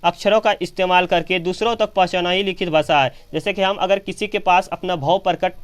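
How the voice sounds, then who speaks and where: A man's voice: high voice, fairly even intonation, fairly quick. A man teaching a grammar lesson on camera, asking questions and answering them himself, often repeating key phrases. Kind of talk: classroom lecture on grammar. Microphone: camera operator recording.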